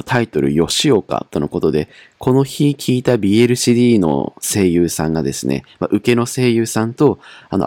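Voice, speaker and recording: A man's voice: low-pitched, darkish tone, no room sound. A young man from Japan chatting casually and with self-mockery as he looks back over his old diary, with many fillers.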